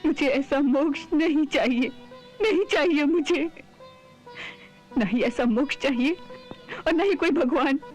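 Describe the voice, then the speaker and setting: A woman's voice: high voice, a little slow, long pauses, a little mellow, faint music behind. An actress playing a loving mother in a devotional TV drama, pleading and repeating herself in grief. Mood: grieving. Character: anguished loving mother of a young god.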